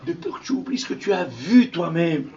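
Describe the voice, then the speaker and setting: A man giving an impassioned sermon as a rabbi, dropping to whispers and rising to shouted verses. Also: a little high, big pitch swings, brisk. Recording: distant lo-fi recording.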